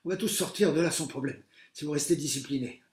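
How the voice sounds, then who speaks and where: A man voicing a stern male teacher who calls the roll loudly and calmly after an accident, in an echoey room. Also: a little high, fast talker, voice pushed up, close to an everyday voice. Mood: commanding. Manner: loud, commanding, calming.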